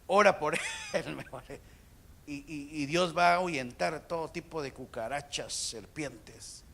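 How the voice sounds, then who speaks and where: A man, a pastor, preaching a sermon and speaking straight to the congregation, with sudden shouted peaks. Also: a little high, unhurried, vocal fry. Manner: addresses the congregation directly.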